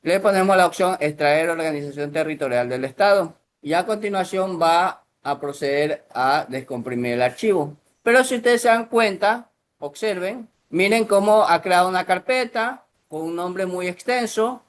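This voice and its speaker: Male instructor, calm step-by-step explainer for a software tutorial. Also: high voice, normal speed. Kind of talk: screen-recorded software tutorial.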